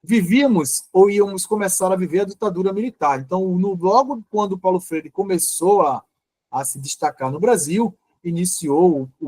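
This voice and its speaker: A male teacher giving a live online lecture, explaining step by step with frequent restarts and pauses. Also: sits high, warm tone, no echo.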